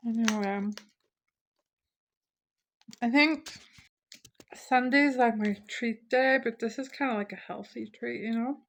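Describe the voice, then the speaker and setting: A woman's voice: on the high side, takes it slowly, pauses often, slight background noise. A young woman vlogging casually from home, talking candidly and venting about her frustrations while snacking. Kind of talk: casual vlog chat. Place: indoors at home.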